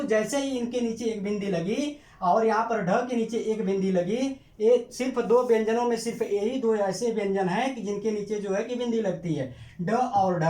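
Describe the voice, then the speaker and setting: A man's voice: high voice, a little mellow. Echoey male teacher repeating terms. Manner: repeats questions and answers them himself; drawn-out emphatic repetition of terms. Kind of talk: classroom grammar lesson.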